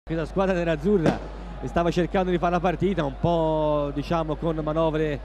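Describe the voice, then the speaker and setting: A man's voice: fairly high pitch, steady tone, moderate pace, darkish tone. A man giving live football analysis as co-commentator from a noisy stadium. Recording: noisy stadium broadcast with crowd. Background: stadium crowd noise.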